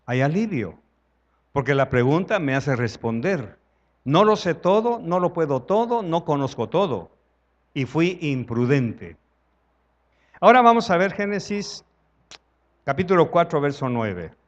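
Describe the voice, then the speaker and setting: A man's voice: a little high, very animated, a little slow, pauses often, dull audio. A man with a Salvadoran Spanish accent preaching a conversational sermon in church, acting out dialogue and asking the congregation questions.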